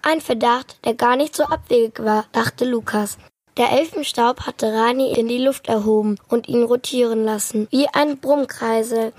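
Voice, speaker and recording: A woman narrating a children's storybook aloud, reading in a steady, measured way. Her voice sits a little high. The sound is dry and close. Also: no echo.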